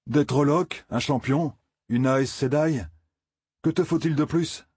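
A man's voice: mid-range voice, fairly quick, a little mellow, breathy edge, dry recording, studio quality, voice pushed up, lightly acted. A man voicing a blunt, somewhat bitter young village man in a storybook reading.

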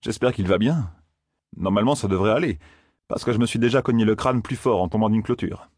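A man's voice: on the low side, fairly quick, darkish tone, dry recording, studio quality, natural voice. A man reading aloud and voicing a stubborn, reckless young gambler in a raised voice. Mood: determined.

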